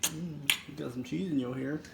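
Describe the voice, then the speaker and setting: A man's voice: fairly high pitch, normal speed, creaky, reverberant, heavy background noise. A young man joking and teasing in a casual couple's vlog. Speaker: vlogger.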